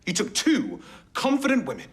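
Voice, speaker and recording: An actor playing a relentless, accusing male prosecuting barrister in a TV soap, with measured, pointed rhetorical questions. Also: high voice, huge pitch swings. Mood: grave, pressing. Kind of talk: TV soap courtroom acting.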